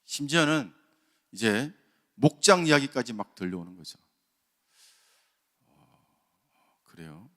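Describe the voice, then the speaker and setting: A man's voice: medium pitch, very animated, takes it slowly, pauses often, a bit bright. A middle-aged man, a church elder, preaching a dawn service sermon and telling his own testimony with rhetorical questions and self-deprecating humor. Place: church sanctuary. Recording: long reverb of a church hall.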